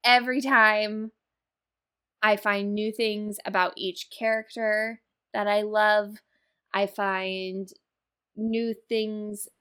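Podcast host, female, average pitch, casual and emphatic, an enthusiastic film fan. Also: fairly bright tone. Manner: enthusiastic, emphatic, swears freely.

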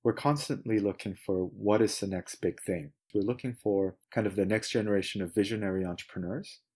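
A man, answering interview questions in a measured, thoughtful way with frequent pauses. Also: lowish voice, a little mellow, slightly rough. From South Korea. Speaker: guest, venture capitalist.

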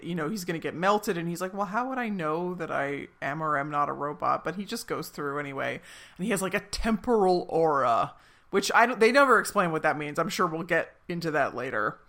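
A woman with a fairly low-pitched voice chats casually as a podcast co-host. She retells a story animatedly, laughing along and peppering her speech with fillers. The delivery is loose and conversational. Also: fairly bright tone. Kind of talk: casual chat recapping a TV episode.

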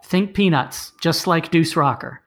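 A man's voice: a little high, a little slow, a bit bright. A man hosting a comedy podcast, giving prompts like a teasing, dry quizmaster in casual banter. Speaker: host running comedy game rounds.

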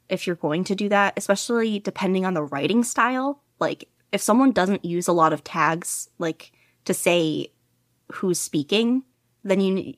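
As she's interviewed, this podfic narrator keeps up a casual, animated ramble full of self-deprecation and quick laughter at herself. Her voice is on the low side, recorded at studio quality without echo.

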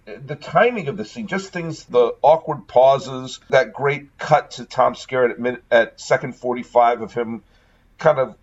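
A man's voice: medium pitch, unhurried, muffled recording. Rambling man with Northeastern accent. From New England. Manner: enthusiastic, rambling, many restarts. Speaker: podcast co-host. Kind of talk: casual film discussion.

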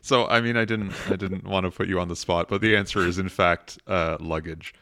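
Deep, dry deadpan man. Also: fairly quick, no room sound. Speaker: podcast co-host. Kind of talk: casual comedic chat.

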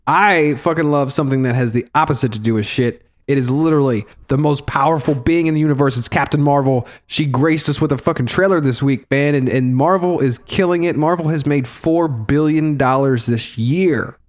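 A man's voice: on the high side, a little fast, hardly any pauses. A man hosting a casual podcast, swearing freely and steering the chat between segments. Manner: loose and profane, wraps up the show. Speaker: podcast host.

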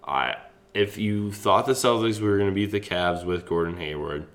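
A young man co-hosting a casual sports podcast, talking in an animated, rambling way and swearing freely. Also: deep voice, moderate pace. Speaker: podcast co-host.

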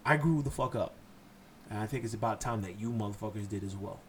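A man's voice: on the low side, fast talker, slight background noise. A man from Haiti hosting a solo podcast, blunt and impassioned, cursing freely as he lectures his listeners. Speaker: podcast host.

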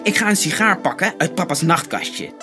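A woman's voice: lowish voice, lively intonation, normal speed, over loud music, close to an everyday voice. A woman voicing Tom, a cheeky, scheming young boy triplet in a cartoon with a mocking sing-song manner.

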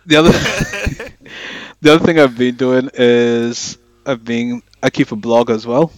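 A man's voice: mid-range voice, slow, dry recording, rough recording. A man chatting casually as a podcast regular, in a hesitant and understated way. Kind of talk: casual chat.

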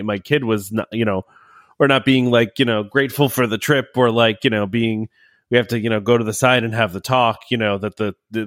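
This podcast host is a man in his thirties with a cold, and his voice sounds nasal, on the low side and a bit bright. He chats casually and rambles with lots of fillers and restarts, recorded at studio quality with no echo.

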